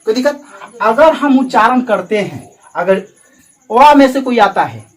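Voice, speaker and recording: A male teacher at the front of a coaching classroom, working through a grammar lesson with his students in the room. He drills each point slowly, word by word, and keeps stopping to ask whether anyone is having trouble. He talks to his class with easy affection. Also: extremely high pitch, sing-song, low-quality recording. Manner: calls students "babu" affectionately.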